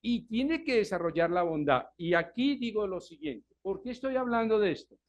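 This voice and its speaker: A male pastor preaching a Sunday sermon, asking the congregation questions and answering them himself, swinging from loud emphasis to quiet asides. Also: high-pitched, expressive, moderate pace, muffled recording. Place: church service.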